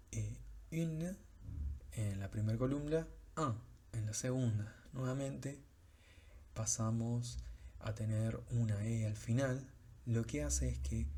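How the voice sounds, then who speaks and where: Patient, husky-voiced male teacher. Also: medium pitch, dark tone. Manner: patient, explanatory, with frequent fillers. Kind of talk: recorded lecture on French pronunciation.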